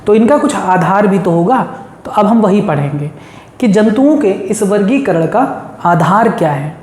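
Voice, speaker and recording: Lady teacher running thru a list over n over, mellow voice, echoey room. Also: mid-range voice, animated, unhurried, slight background noise. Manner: drills lists, repeats lines for memorizing. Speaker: biology teacher. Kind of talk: classroom lesson. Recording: roomy echo.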